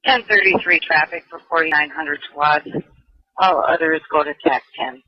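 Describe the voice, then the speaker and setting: Brisk dispatcher over a walkie-talkie. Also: male voice, a little high, slightly rough, no echo. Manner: brisk, repeats back each call. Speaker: police dispatcher. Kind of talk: terse police radio calls. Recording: archival lo-fi police radio.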